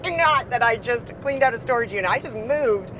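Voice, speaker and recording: A woman's voice: a little high, expressive, a little fast, a crowd in the background. A woman from Texas, a podcast guest, chatting in a gushing way and swearing casually. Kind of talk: casual chat.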